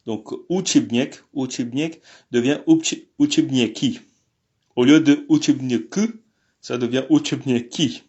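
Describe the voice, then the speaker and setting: A man teaching a language lesson online, talking in a halting way with many fillers and restarts. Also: mid-range voice, darkish tone, slightly rough, lo-fi sound. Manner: apologetic about technical glitches.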